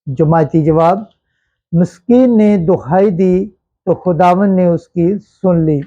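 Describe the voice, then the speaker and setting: High-voiced man reading scripture solemnly. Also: warm tone, highs cut off. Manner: measured, solemn recitation. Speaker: scripture reader. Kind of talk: liturgical Bible reading.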